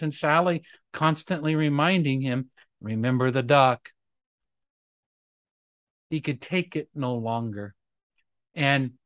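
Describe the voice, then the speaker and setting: A man preaching a sermon as pastor, with emphatic rises and slowed, drawn-out phrases, mixing storytelling with teaching. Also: on the high side, a bit bright, no echo.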